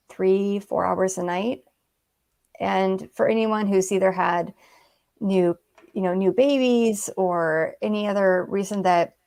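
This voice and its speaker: A woman's voice: medium pitch, darkish tone. Woman guest author, conversational storyteller, filler-heavy, acts out what others said. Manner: chatty, many fillers, acts out quoted remarks. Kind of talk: casual interview storytelling.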